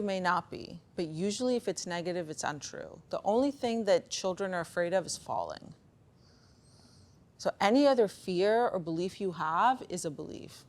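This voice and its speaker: A woman from Pakistan, of Afghan heritage, gives a conference talk on beliefs and performance in a casual, motivational style. She tells personal stories animatedly and conversationally, acting out bits of dialogue, in a lowish voice.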